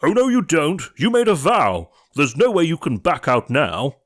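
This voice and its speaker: A man's voice: a little high, huge pitch swings, moderate pace, voice pushed up. A man voicing a pushy, gloating ugly stepsister from a fairy tale, in verse. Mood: gloating, insistent. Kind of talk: storybook character voice in rhyming verse.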